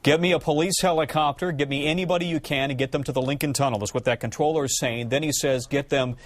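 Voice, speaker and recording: Slightly high-voiced male news presenter. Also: steady tone, quick pace, a little hiss or hum. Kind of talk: explanatory news commentary.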